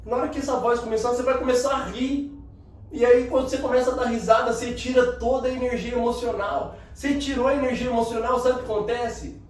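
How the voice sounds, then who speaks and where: A man's voice: very high voice, steady tone, fast. A man giving an emphatic motivational talk, speaking straight to the listener. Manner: emphatic, coaching the listener directly. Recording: very echoey room, distant mic, faint ambience.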